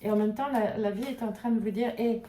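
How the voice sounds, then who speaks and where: A woman's voice: medium pitch, quick pace, warm tone, slight background noise. A woman giving an intuitive tarot and oracle reading, speaking hesitantly and searching for words with many fillers. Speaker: tarot and oracle card reader. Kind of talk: intuitive card reading to camera. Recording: roomy echo, voice a little far from the mic.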